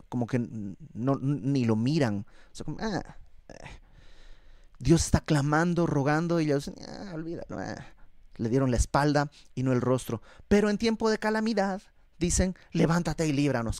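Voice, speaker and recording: A man's voice: on the high side, lively intonation, moderate pace, a little mellow, no echo, clean studio sound. A man preaching a sermon in a conversational way, acting out the voices of people as he teaches.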